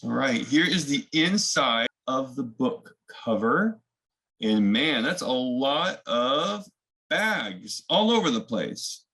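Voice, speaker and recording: Reading a children's picture book aloud, a male read-aloud host uses a creaky, gravelly voice of medium pitch that sounds pushed and bright. He narrates slowly in a sing-song way and chats explanatorily with young viewers. The recording quality is low.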